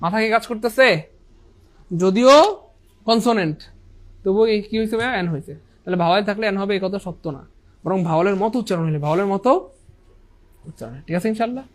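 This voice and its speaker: This is a man with a notably high voice giving an online English grammar lesson. He keeps his students involved with repeated questions that he answers himself in a call-and-response pattern, and he drops English grammar terms into his talk. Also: fairly quick, long pauses. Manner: often says "inshallah" and "dear brothers and sisters". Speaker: English teacher.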